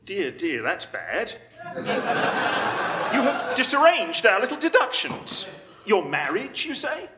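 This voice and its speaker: Sherlock Holmes, played by a man, high, lively and bright. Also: slow, long pauses, crowd noise, exaggerated voice. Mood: probing. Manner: crisp, confident, deducing aloud. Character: sharp, brisk male detective, Sherlock Holmes. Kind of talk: live stage radio-play acting. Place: theatre stage, live audience.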